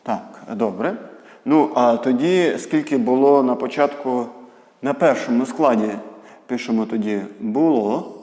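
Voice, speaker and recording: Writing as he goes, a math tutor works through a homework problem step by step, thinking aloud and using fillers. His medium-pitched voice is mellow and a little slow. There's a slight hiss or hum, and the echoey room gives a long reverb.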